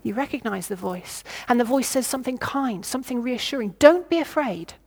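A woman's voice: a little high, brisk, creaky, slightly rough. Woman preaching a reflective sermon. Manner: reflective, asks the listeners questions.

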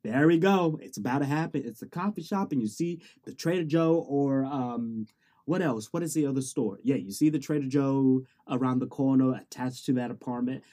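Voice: mid-range voice, normal speed, mellow. A young adult student about to graduate, casually summing up a documentary in a rambling way, with many restarts and joking asides. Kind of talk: casual spoken summary of a documentary.

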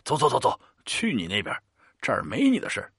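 A stubborn older fortune-teller who presses his warnings insistently, played by a male narrator. His voice is husky, with pitch that leaps widely. The recording is dry. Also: wildly swooping pitch, brisk, fairly bright tone, no echo, exaggerated voice. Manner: urgent, insistent.

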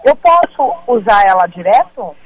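A woman phones in to a radio program while she drives, and her voice comes through the phone line. She talks in a chatty, affectionate way. Her pitch sits in an ordinary middle range. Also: big pitch swings, moderate pace, noisy background. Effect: heard over the phone. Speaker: radio call-in listener. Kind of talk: casual call-in chat. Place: in a car, driving.

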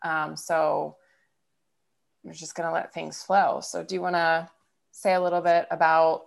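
A podcast host from Ohio, USA, chats casually, rambling along with fillers and laughs. Her voice is low-pitched, creaky, and level in tone, and she talks a little slowly.

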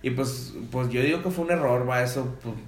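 This podcast host's medium-pitched voice comes out brisk and reverberant as he recounts a funny party to friends. He acts out the people's voices with animation and piles on the slang.

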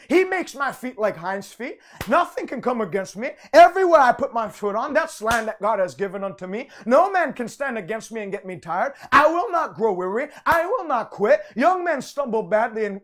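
This man has a very high, fairly bright voice. He delivers a conversational broadcast sermon full of fervent, emphatic declarations, frequently repeating or restarting his phrases.

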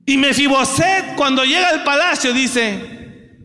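A man preaching a sermon, moving from quiet storytelling to shouted exhortation. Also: very high voice, slow, in a large hall.

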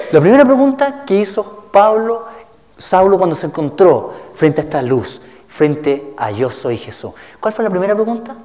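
A man's voice: fairly high pitch, warm tone. A male pastor giving a teaching sermon, reading scripture aloud and asking the listeners questions. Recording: reverberant hall.

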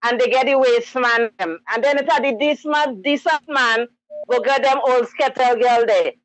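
A woman calls in to a talk show and gives her opinion earnestly and with sympathy. Her voice is high and dry, with a radio-like thinness. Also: normal speed, no room sound, poor audio. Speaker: caller. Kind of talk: call-in radio commentary.

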